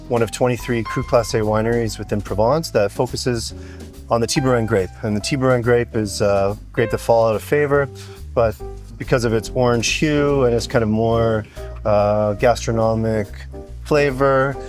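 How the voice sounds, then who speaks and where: A man talking as a wine director in an interview, measured and knowledgeable about his wines. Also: on the low side, a little mellow. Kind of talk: interview guest. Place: restaurant.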